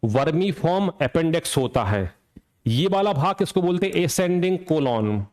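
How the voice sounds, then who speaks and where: A man's voice: fairly high pitch, sing-song, moderate pace, a little mellow. A man teaching an exam coaching lecture, asking questions and answering them himself and repeating the key points to drill them in. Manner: asks and answers his own questions.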